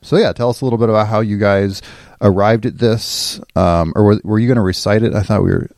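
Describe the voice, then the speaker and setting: A man's voice: lowish voice, steady tone, quick pace, gravelly, darkish tone, no room sound, studio quality. A man hosting a church podcast, talking in a casual, chatty way with frequent restarts. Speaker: podcast host.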